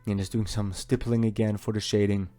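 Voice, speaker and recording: While drawing, a young artist vlogger from Austria, whose first language is German, keeps up a loose, chatty, self-mocking voice-over. His voice is low, soft, and mellow, a little fast with little pitch movement, and faint music sits underneath.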